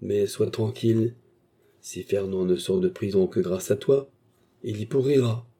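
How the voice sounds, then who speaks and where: A man's voice: fairly low pitch, a little slow, warm tone, breathy edge. A man reading an audiobook, voicing a cold, commanding villainous baronet. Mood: menacing. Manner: cool, commanding.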